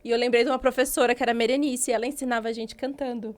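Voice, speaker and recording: A woman hosting a beauty podcast, chatting in a relaxed, reminiscing way. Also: a little high, racing. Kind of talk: casual podcast chat.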